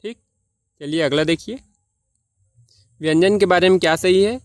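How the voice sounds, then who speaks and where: A male tutor with a somewhat high, smooth voice works through quiz answers for exam students. He asks each key point as a question and answers it himself, slowing down to sound things out one by one. The sound is close and dry. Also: dry recording. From Chhattisgarh, India. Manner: slow and deliberate, spelling out sounds one by one. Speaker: exam-prep teacher.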